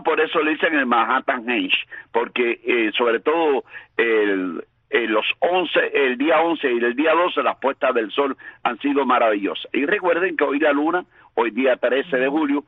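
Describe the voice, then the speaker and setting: A man giving a conversational radio weather report, explaining informally and haltingly with repeated phrases. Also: mid-range voice, lively intonation, breathy edge, dry recording, phone-quality sound. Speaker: radio meteorologist. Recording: music behind the voice. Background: background music.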